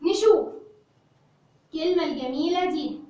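A woman with an Egyptian Arabic accent, her voice very high, teaches English to children in a playful way and breaks into sing-song chants. She is recorded in a very echoey room, well away from the mic. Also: lively intonation, moderate pace, mellow, far from the mic, highs cut off. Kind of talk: children's lesson.

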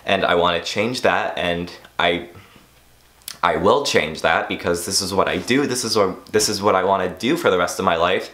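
A teenage boy vlogging casually, rambling with lots of "like" fillers and self-mockery, a bit hoarse. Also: low-pitched, moderate pace, fairly bright tone. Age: teens. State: losing his voice. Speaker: YouTuber. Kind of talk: casual vlog monologue.

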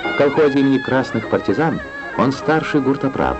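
A man's voice: mid-range voice, expressive, brisk. A man narrating a scripted Soviet newsreel in a declamatory, solemn announcer's manner. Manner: declamatory, lyrical, solemn phrasing. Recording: dull 1960s film soundtrack, loud music.

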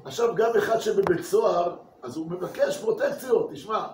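A man, a rabbi, giving a lively Torah class to his congregation, asking rhetorical questions and repeating words for emphasis. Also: sits high, slight background noise. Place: synagogue hall. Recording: echoey room from a distance.

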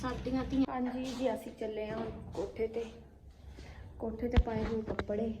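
A woman's voice: on the high side, little pitch movement, moderate pace. A woman chatting casually for a family vlog, often repeating herself for emphasis. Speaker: family vlogger. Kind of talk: casual home vlog chat. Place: at home and on its open rooftop. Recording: noisy handheld home recording.

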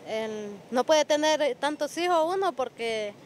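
A young woman answering a reporter outdoors in a halting, resigned way. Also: high-pitched, lively intonation, slight background noise. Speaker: interviewee. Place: outdoors in a park. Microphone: handheld mic.

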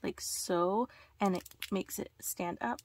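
A woman unboxing her purchases on camera and bubbling over with excitement, her voice jumping up whenever something cute appears. She sits at a middle pitch and chats casually to her viewers. A faint hiss of noise runs under the recording. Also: slow. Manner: gushing, excitable, squealing with delight. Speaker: vlogger.

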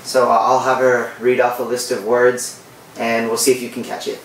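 A man's voice: medium pitch, completely flat delivery, normal speed. A teenage young man speaks informally and hesitantly as a student interviewer introducing a recording. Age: teens, high school student. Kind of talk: informal introduction for a school assignment. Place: small room at home, indoors. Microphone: camera a few metres away. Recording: echoey room, distant mic, faint noise.

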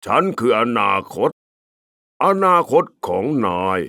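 A man voicing an old male wolf, the future self of the main wolf, speaking in a slow, grave way in a dubbed cartoon. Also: sharp tone, no echo, clean studio sound. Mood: solemn.

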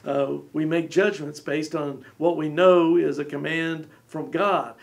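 Speaking a little slowly, a gravel-voiced co-host in his forties with a fairly high pitch discusses scripture on a small studio set. It's an animated Bible talk: he gestures, keeps things lively and chatty, and now and then performs brief quotes in playful voices.

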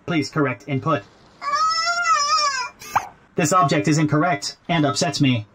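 A performer voicing a literal-minded, demanding robot baby in a video game, speaking in a robot voice with flat, clipped machine phrasing. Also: medium pitch, a little slow, heavy background noise. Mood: deadpan robotic. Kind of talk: video game character dialogue.

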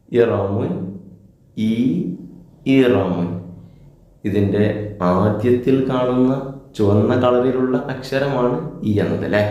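Man, children's teacher, slow and patient, mellow voice, strong room echo. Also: mid-range voice. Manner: patient, asks questions and answers them himself. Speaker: Arabic letters teacher for children. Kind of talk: children's lesson. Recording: very echoey room.

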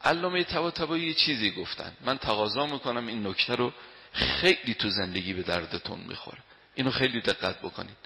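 A man's voice: medium pitch, lively intonation, creaky, sharp tone. A man giving a sermon, telling stories emphatically and reciting Arabic quotations, his voice swelling on key phrases. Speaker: religious lecturer. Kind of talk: sermon with storytelling. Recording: long hall reverb.

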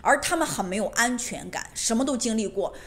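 A woman's voice: fairly high pitch, lively intonation, brisk. A woman giving a casual monologue to camera at home, emphatic and repetitive, often asking rhetorical questions. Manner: emphatic, repeats phrases, asks rhetorical questions. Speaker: lifestyle vlogger on decluttering. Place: her home.

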